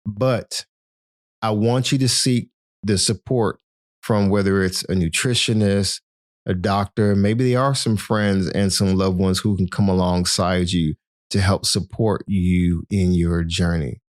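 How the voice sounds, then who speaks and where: This is a man hosting a motivational health podcast, speaking in a fairly low voice. He keeps encouraging the listener and calls them his friend. The sound is close and dry, with no room echo. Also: steady tone, measured pace. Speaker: podcast host.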